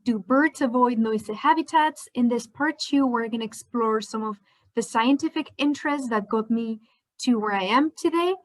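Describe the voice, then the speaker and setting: A woman from Spain in her twenties, a PhD student whose first language is Spanish, narrates an educational slideshow in a friendly way with frequent fillers. Her voice is a little high and moderately paced, and the audio is poor.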